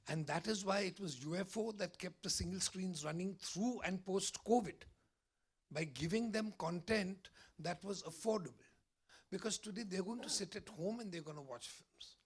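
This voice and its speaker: A man with an Indian English accent, hoarse today, answering confidently as a guest at a film press event. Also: high voice, moderate pace. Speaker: film critic and distribution guest.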